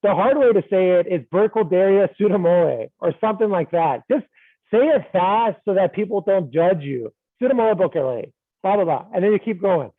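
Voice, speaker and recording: A man's voice: sits high, expressive, fairly quick, no room sound. A man thinking aloud through a medical case on a video call, playful and self-deprecating. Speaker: case discussant. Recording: tinny phone-like line.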